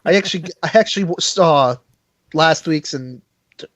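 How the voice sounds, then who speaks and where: A man's voice: a little high, moderate pace, dry recording, lo-fi sound. A man co-hosting a casual fan podcast, exclaiming and joking. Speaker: podcast co-host. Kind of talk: casual chat.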